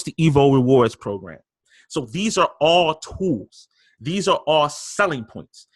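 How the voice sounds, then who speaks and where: A man's voice: fairly high pitch, a bit bright, husky, no room sound. A man giving a training webinar, coaching people through presentation slides with lots of repetition and filler words. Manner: coaching, repeats emphasis, frequent fillers. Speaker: sales trainer.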